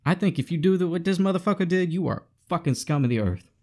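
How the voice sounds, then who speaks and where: Profane ranting man, swinging pitch. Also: lively intonation, fast, a little mellow. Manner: heavily profane, frustrated, ranting. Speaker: vlogger. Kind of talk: profane angry rant.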